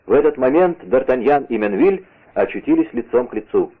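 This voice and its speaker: A man's voice: medium pitch, animated, brisk. A male narrator reads an adventure novel with vivid, theatrical drive. His voice sits in a middle register. The sound is thin and phone-like, a lo-fi radio broadcast. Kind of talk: dramatic reading of an adventure novel.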